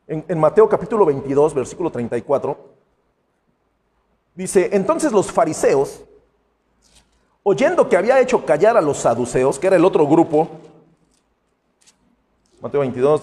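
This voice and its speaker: A pastor preaches a sermon in a casual, conversational way, slipping into the voices of the figures he quotes. His voice sits high and swings widely in pitch. The sound carries the long reverb of a church hall. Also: dark tone. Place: church sanctuary.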